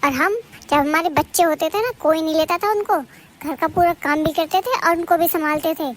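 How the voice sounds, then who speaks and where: A woman's voice: extremely high pitch, moderate pace, slight background noise. A woman voicing a domineering mother-in-law in a cartoon, lecturing and scornful.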